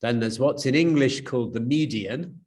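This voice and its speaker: A man's voice: mid-range voice, normal speed, a little mellow. A man giving a university lecture, explaining step by step, with frequent fillers and restarts.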